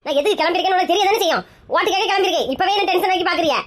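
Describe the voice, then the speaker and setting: High-pitched bossy Kanyakumari woman. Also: racing. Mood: scolding. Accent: Kanyakumari Tamil. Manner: bossy, scolding. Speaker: comedy sketch creator. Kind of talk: comic sketch acting.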